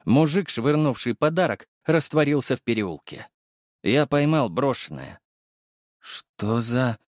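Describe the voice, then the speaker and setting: A man narrating a first-person audiobook, storytelling lively and voicing the characters. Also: medium pitch, normal speed, no echo, studio quality.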